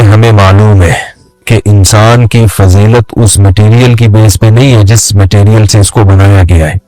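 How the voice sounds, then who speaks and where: A man's voice: on the low side, darkish tone, no room sound, rough recording. A man giving a religious lecture in a conversational way, often putting rhetorical questions to his listeners. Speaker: Islamic preacher.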